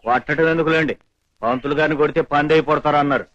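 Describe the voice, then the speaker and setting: An actor playing the blunt, streetwise president of a beggars' union, talking in coarse slang. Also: male voice, on the high side, fairly even intonation, fast, a bit bright, no echo, dull audio, close to an everyday voice. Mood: grumbling.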